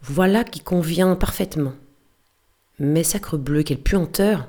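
A woman voicing a brash, joking male whaling mate who mocks and hails loudly across the water. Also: sits low, measured pace. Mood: hailing.

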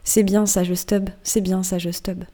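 A woman reading an audiobook and voicing a hairy, hunchbacked old male merman who mumbles and repeats himself slowly. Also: mid-range voice, steady tone, warm tone, natural voice. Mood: mumbling.

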